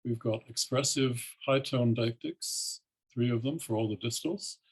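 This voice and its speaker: An older man gives a keynote lecture in a husky voice, explaining each point in a measured way. He stops often with ums, and his pitch sits in the middle range. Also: rough recording. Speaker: keynote speaker, linguistics professor. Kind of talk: academic lecture.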